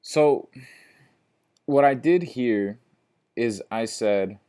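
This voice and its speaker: Man, instructor, casual code walkthrough, sleepy, slow delivery. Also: mid-range voice, dark tone, smooth. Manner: casual, talks to viewers as guys, repeats steps slowly. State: sleepy, yawning. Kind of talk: walking through code in a screencast lecture.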